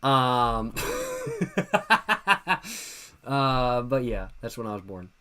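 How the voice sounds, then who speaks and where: A man's voice: mid-range voice, unhurried, pushed and bright, clean tone. A man in his twenties hosting a livestream, tipsy and laid-back, answering chat questions in a slangy way and repeating his phrases. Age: 20s. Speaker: livestream host. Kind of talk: casual livestream chat reading viewer questions.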